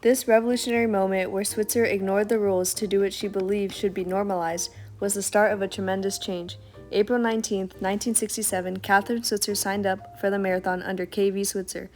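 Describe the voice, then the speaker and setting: A woman reading scripted documentary narration in a steady, read-aloud way. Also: medium pitch, brisk, soft background music.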